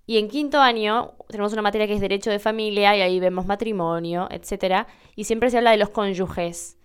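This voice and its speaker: A woman's voice: mid-range voice, brisk, clean tone. A young adult woman with a Rioplatense Spanish accent hosts a show, explaining things in a chatty, casual monologue. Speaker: podcast host.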